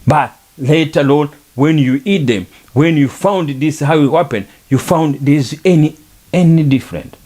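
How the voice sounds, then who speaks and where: Slow, earnest man. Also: on the high side, darkish tone. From Rwanda. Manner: earnest, repetitive, preaching. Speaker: podcast speaker. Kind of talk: reflective monologue on faith and culture.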